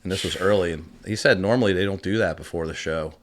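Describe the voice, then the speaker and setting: A middle-aged man from Maryland tells a story in a very deep voice. He is animated, laughs often and fills his talk with "you know." It sounds like a relaxed podcast chat. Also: fast talker, a little hiss or hum. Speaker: podcast guest. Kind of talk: casual storytelling.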